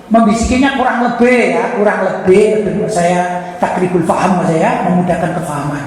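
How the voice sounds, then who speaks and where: A woman's voice: on the low side, normal speed. A woman giving a religious lecture, quizzing her listeners and acting out quoted dialogue. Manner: animated, quizzes the audience and acts out quoted dialogue. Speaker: preacher. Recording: echoey hall with long reverb.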